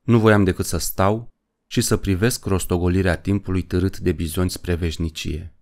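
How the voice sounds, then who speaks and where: Deep-voiced man reading an audiobook. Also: steady tone, a little mellow. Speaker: audiobook narrator. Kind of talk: scripted audiobook narration.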